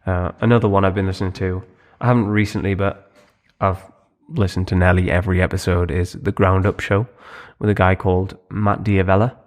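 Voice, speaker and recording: A man's voice: low voice, brisk, hardly any pauses. A young man co-hosting a podcast, chatting casually with lots of fillers and restarts. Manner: relaxed, rambling with fillers and restarts. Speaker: podcast co-host. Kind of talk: casual chat.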